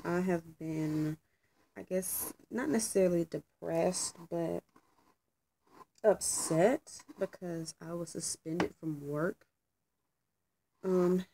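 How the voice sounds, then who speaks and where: A woman's voice: on the low side, creaky, warm tone, slight background noise, rough recording. A young adult woman casually telling a story about work while getting ready at home, candid and chatty with frequent ums. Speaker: vlogger. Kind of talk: casual storytime while doing her hair.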